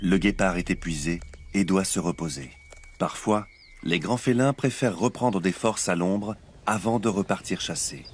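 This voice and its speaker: A man delivering scripted nature documentary narration in a measured, expository storytelling way. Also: low voice, a little hiss or hum. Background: music.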